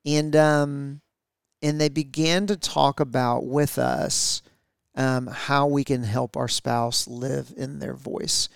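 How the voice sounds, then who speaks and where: Speaking slowly at a medium pitch with little pitch movement, this middle-aged man has a smooth voice with some vocal fry. He co-hosts a podcast, reflecting in casual conversation with his wife amid many fillers and restarts. The sound is clean studio audio with no echo.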